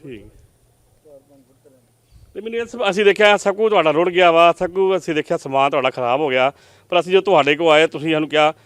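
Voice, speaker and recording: A man from Punjab reporting on the scene at a flood-damaged home, talking quickly with an emotional, consoling tone. His voice is a little high, smooth and clear, recorded dry and close. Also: dry recording. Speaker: field reporter.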